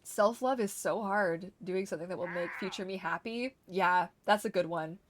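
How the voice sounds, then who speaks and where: A woman's voice: medium pitch, normal speed, slight background noise. A young woman streamer chatting casually and emotionally with her viewers, swearing freely and laughing often. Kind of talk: casual live-stream chat.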